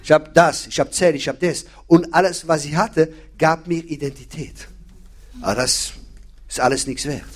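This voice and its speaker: A man's voice: fairly high pitch, fairly even intonation, moderate pace. A man giving a sermon, hammering home key phrases and asking the listeners questions. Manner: emphatic, repeating key phrases, addressing the audience with questions. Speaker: preacher.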